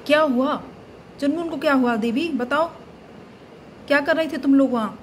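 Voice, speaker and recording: A woman's voice: high-pitched, normal speed, a little hiss or hum, close to an everyday voice. A woman voicing a grown man, an uncle doll who scolds the children yet comforts them, in a doll-play story.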